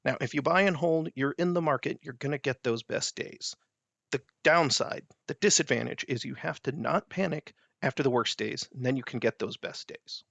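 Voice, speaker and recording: A man's voice: mid-range voice, moderate pace, gravelly, a bit bright, no echo, dull audio. A man hosting a personal finance video, giving blunt, emphatic advice in an explanatory monologue.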